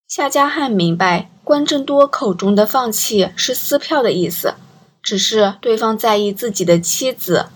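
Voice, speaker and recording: A woman reading a crime story aloud, her voice fairly high with a husky, breathy edge. She tells the story at a steady pace. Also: measured pace. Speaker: narrator. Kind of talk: audiobook narration.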